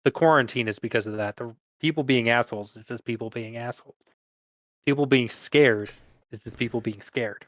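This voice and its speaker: A man's voice: mid-range voice, brisk, a bit bright, no echo. Man game-mastering, dry lo-fi mic. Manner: casual, hesitant, with profane asides. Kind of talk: explaining a homebrew tabletop setting.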